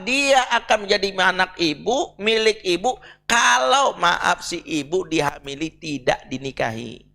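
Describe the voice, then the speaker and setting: A middle-aged man giving a lively religious talk on marriage, joking and acting out family members. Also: on the high side, in a large hall. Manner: lively, jokey, acts out quoted family members. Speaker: preacher.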